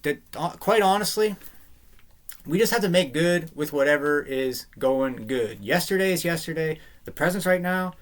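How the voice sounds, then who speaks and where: A man in a rambling, heated, slangy rant to camera, often saying man and dude. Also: on the high side. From Canada. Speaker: vlogger.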